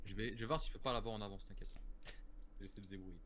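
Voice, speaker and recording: A young man, reacting excitedly to an album on his livestream and chatting with a friend. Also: fast, slight background noise. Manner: excitable, jumps high in pitch. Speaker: streamer reacting to music. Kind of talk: casual chat reacting to an album.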